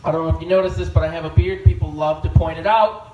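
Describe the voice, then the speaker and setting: A man doing an open-mic stand-up set with a deadpan, offhand delivery on a bar stage. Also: a little high, fast talker, dull audio. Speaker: stand-up comedian. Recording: echoey bar room from far off.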